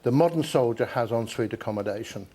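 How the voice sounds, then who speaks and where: An older man speaking as a veteran guest in a casual television interview. His pitch is average for a man, and he sometimes stumbles into repeated words. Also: expressive, a little fast, warm tone, slight background noise. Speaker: Chelsea Pensioner, veteran guest.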